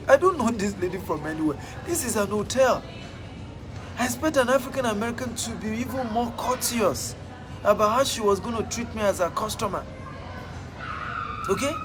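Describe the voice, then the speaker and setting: Speaking with a Nigerian accent, a high-voiced male motivational speaker delivers an emphatic talk, repeating phrases for effect. The recording is rough.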